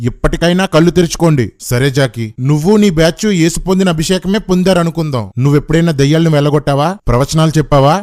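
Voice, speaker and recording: A man's voice: fairly high pitch, darkish tone. Scolding pastor, man with raised voice. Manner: sarcastic, scolding, fires rhetorical questions. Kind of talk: combative rebuttal sermon.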